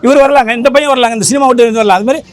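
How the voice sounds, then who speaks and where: A man who leads a film association, talking fast and with emphasis at a press interview, rambling and repeating himself. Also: extremely high pitch.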